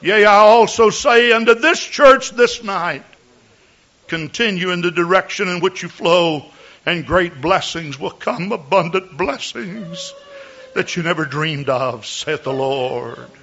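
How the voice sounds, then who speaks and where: A man's voice: high-pitched, lively intonation, measured pace, bright, forceful tone. A man preaching in a Pentecostal church, solemnly proclaiming prophecy in archaic biblical phrasing. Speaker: preacher, pastor. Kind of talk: Pentecostal church sermon and exhortation. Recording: dull, lo-fi church recording.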